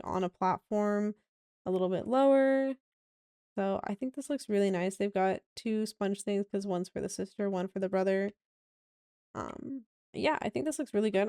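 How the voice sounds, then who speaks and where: Rambling and full of fillers, a young woman gives a casual tour of a house she built in a game. Her voice is raspy, mellow, and mid-range. The sound is dry and clean, as from a studio.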